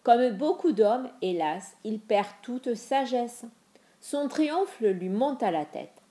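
A woman's voice: on the high side, lively intonation, takes it slowly, warm tone. A woman voicing the aged king of the gods, wry and commanding. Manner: wry, amused and authoritative. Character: old male king of the gods, wry and mighty.

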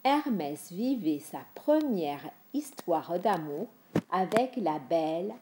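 A woman reading a myth aloud in a gentle, expressive storytelling manner. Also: on the low side, slow pace, background noise.

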